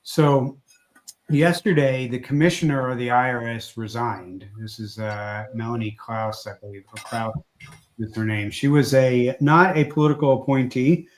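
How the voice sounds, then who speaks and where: A man who is an immigration lawyer, giving a livestream legal update, a little hoarse and speaking haltingly with many fillers and restarts. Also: mid-range voice. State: losing his voice a little.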